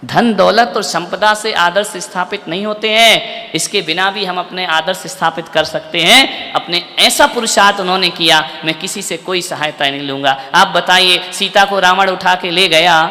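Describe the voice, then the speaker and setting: A man with a high, very bright, cutting voice preaches as a monk, carrying the hall with a lively, storytelling delivery. He keeps throwing rhetorical questions at the crowd. The sound trails off in a long hall reverb. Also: moderate pace. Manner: fires rhetorical questions at listeners, animated storytelling. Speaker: Jain monk giving a discourse. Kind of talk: sermon retelling an epic to a live audience.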